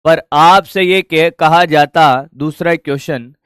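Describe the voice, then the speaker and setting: A physics teacher speaks slowly in a high, smooth voice that stays steady in tone and sounds a bit bright. He fires off questions and supplies the answers, chatting with students in a relaxed, familiar way, recorded dry and up close.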